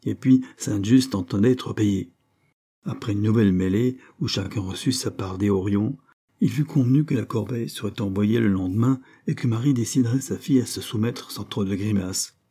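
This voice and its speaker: A male audiobook narrator with a low, mellow voice and a husky grain. His scripted narration moves at a measured, even pace.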